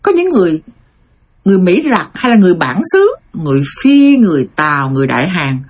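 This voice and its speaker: Middle-aged woman host, husky voice, animated story monologue, addresses the audience directly. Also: fairly low pitch, fast. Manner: addresses audience as "thưa quý vị", animated retelling. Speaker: host retelling listeners' life stories.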